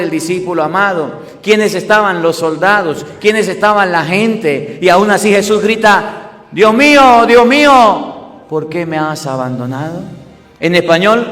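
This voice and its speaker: A man's voice: sits high, a bit bright. A priest giving a sermon, asking his listeners questions and answering them himself. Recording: music and long hall reverb.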